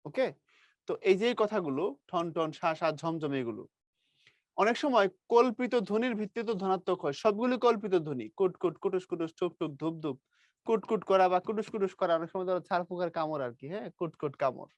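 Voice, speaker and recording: Lively, teasing teacher. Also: male voice, high voice, fast talker, no room sound. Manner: lively, teasing, quizzes students. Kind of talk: classroom grammar lesson.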